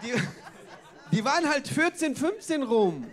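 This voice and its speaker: A man's voice: very high-pitched, very animated, a little slow, fairly bright tone, some chatter behind. A man doing a stand-up comedy set on a club stage, chatty and full of wordplay and tag questions.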